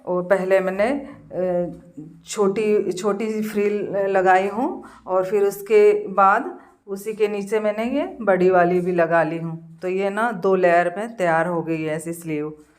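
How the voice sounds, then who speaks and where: A woman with a hoarse voice from a cold, casually narrating her daily routine and walking through a sewing job step by step, with pauses and fillers. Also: mid-range voice. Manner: slow, homely step-by-step explaining with many pauses and fillers. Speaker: home vlogger.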